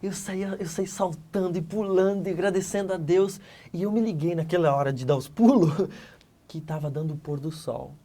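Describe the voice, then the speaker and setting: As an interview guest, a middle-aged man from Brazil's Santa Catarina gives an animated personal testimony in a high voice at a moderate pace. He performs the dialogue in his story, shifting from loud moments to hushed ones.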